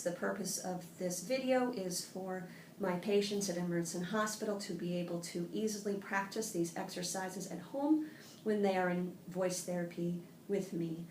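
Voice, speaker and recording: A woman voice therapist giving a calm, explanatory lesson on voice exercises, recorded on a tablet. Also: medium pitch, far from the mic, a little hiss or hum. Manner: calm explanatory, demonstrates sung vocal sounds. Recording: roomy tablet recording with faint ambience.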